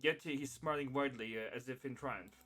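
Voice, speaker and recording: Guy game-mastering a tabletop game, lots of uhs, halting narration. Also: medium pitch, bright, forceful tone. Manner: halting, many uh fillers.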